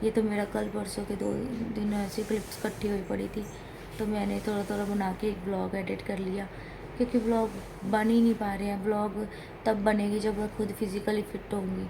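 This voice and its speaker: A woman from India talks straight to the camera in a casual home vlog, unwell and in pain. Her delivery is flat and complaining, with little rise and fall. An air conditioner hums loudly through the room behind her. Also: medium pitch, a little fast, gravelly, background noise. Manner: plain, complaining, straight-talking. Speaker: vlogger.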